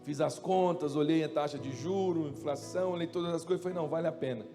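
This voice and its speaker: A man's voice: a little high, fast, mellow. A man with a Brazilian accent, a pastor preaching a sermon in a chatty, storytelling way with humor. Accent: Brazilian Portuguese. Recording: long hall reverb with faint music.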